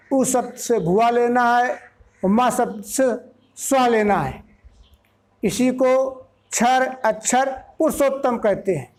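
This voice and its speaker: In a mid-range voice, a spiritual teacher gives a discourse, explaining slowly and carefully drawing out single syllables.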